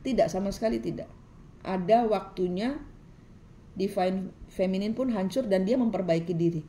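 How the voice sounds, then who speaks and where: A woman's voice: mid-range voice, normal speed, mellow, slight background noise. A woman tarot reader, giving a preachy, scolding reading full of repetition.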